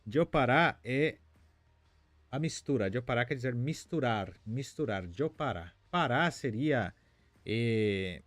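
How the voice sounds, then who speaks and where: A man's voice: mid-range voice, animated, slow pace, fairly bright tone, dry recording. A man from Paraguay, whose first language is Spanish, teaching a Guarani lesson on a live stream in a chatty way, reading out viewer comments and thinking aloud with many fillers.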